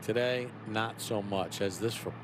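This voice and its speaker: A man's voice: on the low side, measured pace. A man calling golf play-by-play as the lead commentator. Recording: clear outdoor ambient noise behind.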